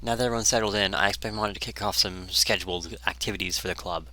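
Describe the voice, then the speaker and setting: Low-voiced man reading a game aloud. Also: steady tone, rapid-fire, bright, forceful tone, dry recording. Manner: stumbles over words and restarts often. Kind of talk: reading a visual novel aloud with commentary.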